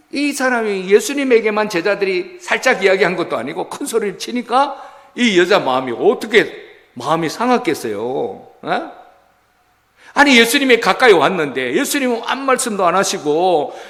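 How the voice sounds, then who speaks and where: High, lively-voiced male pastor preaching. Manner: animated, acts out quotes, asks congregation rhetorical questions. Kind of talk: Sunday sermon. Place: church sanctuary. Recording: long church hall reverb.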